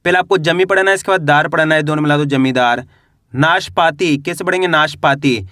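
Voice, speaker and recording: A man teaching a beginners' Hindi reading lesson, spelling words slowly syllable by syllable and asking the class to repeat. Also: on the high side, sharp tone, dry recording, clean studio sound. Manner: addresses viewers as friends.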